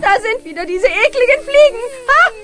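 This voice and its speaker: A woman's voice: extremely high pitch, expressive, moderate pace, bright, forceful tone, dry recording, heavily acted. A woman voicing a fussy, hysterical lady in a children's radio play, whiny and easily upset.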